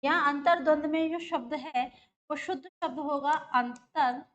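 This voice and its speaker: A woman's voice: high voice, normal speed, muffled recording. A woman teacher giving an exam-prep grammar lesson, explaining step by step, repeating terms and putting questions to her students.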